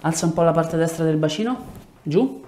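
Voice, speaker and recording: A man with a fairly high, brisk voice that's slightly mellow, with a faint hiss or hum. He's a chiropractor in a small indoor clinic treatment room, giving a patient short directive instructions and explanations as he works hands-on. It's recorded on a lapel mic.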